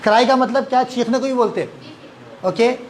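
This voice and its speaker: A man's voice: very high-pitched, normal speed, a little hiss or hum. Man teaching English verb forms. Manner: drills students with repeat-after-me, mixes English and Hindi-Urdu. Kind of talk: online verb-forms class.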